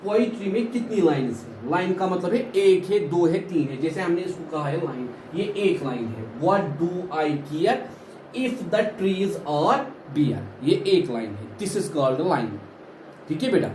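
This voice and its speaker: Male teacher, higher register, very expressive pitch, slow deliberate lecture delivery, echoey room. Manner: explains in Hindi, slowly repeats English definitions, often says "ठीक है बेटा". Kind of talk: classroom poetry lecture. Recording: echoey room with faint background noise.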